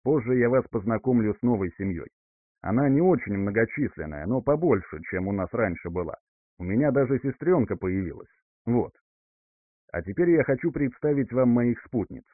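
A male reader voicing a composed young man calmly breaking news to his parents, recorded dry with a narrow, phone-like sound. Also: mid-range voice, normal speed, dry recording, natural voice. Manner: composed, level-headed. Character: calm reborn young man returning home.

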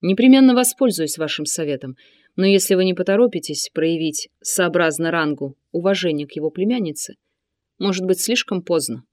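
A woman reading an audiobook, voicing a captive male nobleman who answers calmly and defiantly. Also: lowish voice, brisk, dry recording, clean studio sound, natural voice. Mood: cool. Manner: calm, cutting, defiant.

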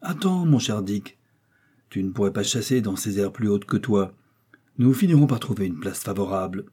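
A man's voice: on the low side, lively intonation, moderate pace, dark tone, husky. A man voicing a composed, wise middle-aged explorer doctor who speaks reassuringly.

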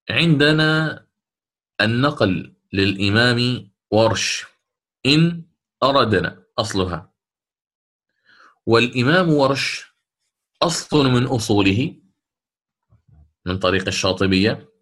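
A male teacher gives a methodical lesson on recitation rules. He repeats key points and breaks into short chanted examples. His voice sits at an ordinary middle pitch. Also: a bit bright. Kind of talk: lecture on Quranic reading rules.

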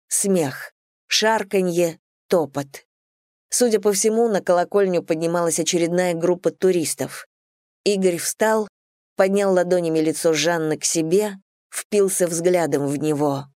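Female audiobook narrator, low voice, measured, dry booth sound. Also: no room sound. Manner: measured, steady storytelling. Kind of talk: scripted novel narration.

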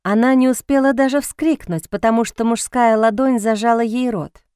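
A woman reading a romance novel aloud in an expressive, dramatic audiobook narration. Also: on the high side, moderate pace, clear, resonant tone, dry recording, clean studio sound.

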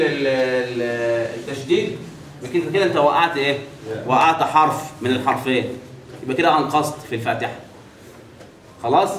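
A man with an Egyptian accent teaching Quran recitation to a class, asking questions again and again and drawing out the words he demonstrates slowly. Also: mid-range voice, a bit bright. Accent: Egyptian Arabic. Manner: quizzes the class with repeated questions and drawn-out recited examples. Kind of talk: classroom tajweed lesson. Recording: echoey room, mic at a distance, faint background hiss.

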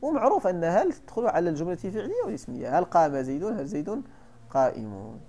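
A man's voice: high-pitched, sing-song, quick pace, dark tone. A man with a Moroccan accent, a sheikh teaching a classical text, who keeps quizzing his students and repeating the key points. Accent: Moroccan Arabic. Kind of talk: classroom lesson explaining a text.

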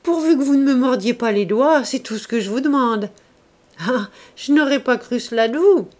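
A woman's voice: high-pitched, normal speed, a little mellow, voice pushed up, close to an everyday voice. A woman reading an audiobook, voicing a proud young society woman who mocks and teases her suitor. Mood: mocking. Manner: teasing, scornful.

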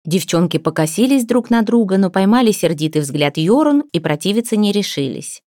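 A woman reading an audiobook story in a steady storytelling manner. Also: mid-range voice, fairly quick, no room sound, clean studio sound. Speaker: audiobook narrator.

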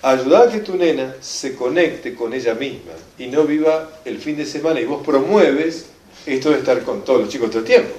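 A man with a Rioplatense accent lecturing a class, emphatic and lively, often checking that his audience understands. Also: mid-range voice, normal speed. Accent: Rioplatense Spanish. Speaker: enneagram teacher. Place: classroom or hall with a live audience. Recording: echoey room, mic from a distance.

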